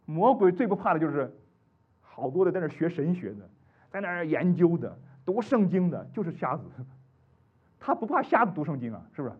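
A male pastor preaching a sermon, animated and rising to emphatic peaks. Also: a little high, brisk, slightly rough. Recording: dull lo-fi recording.

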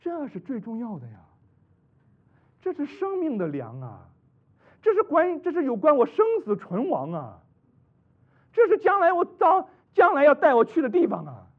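Animated high-voiced man preaching. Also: normal speed, pauses often. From China. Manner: animated, rhetorical questions, swings between loud and hushed. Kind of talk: sermon. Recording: tinny phone-like recording.

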